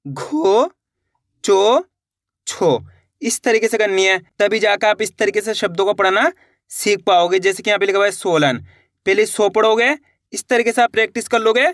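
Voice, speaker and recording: A man with a fairly high voice leads a beginner reading lesson, breaking each word into syllables and repeating it patiently. He keeps asking the viewer questions and then answering them himself. The sound is dry and close, with no room around it. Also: fairly bright tone, no echo. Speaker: teacher.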